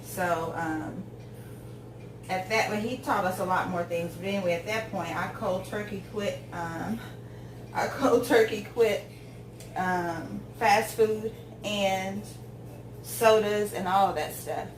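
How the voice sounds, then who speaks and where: Recorded on a distant mic with a little hiss or hum, a medium-pitched woman in her forties speaks slowly while cooking in her echoey home kitchen. She's a home cook vlogger whose casual chat wanders, full of ums and tangents.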